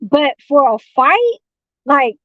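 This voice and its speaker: Her high voice is sing-song and slow as this San Francisco woman rants on a livestream, cursing constantly in a rambling, combative way. The audio is dry, dull and lo-fi.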